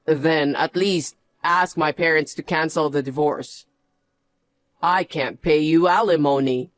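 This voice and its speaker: A man's voice: on the high side, fairly even intonation, unhurried, fairly bright tone, dry recording. A man playing a cowardly cheating husband in a story drama, whiny and pleading. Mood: panicked pleading.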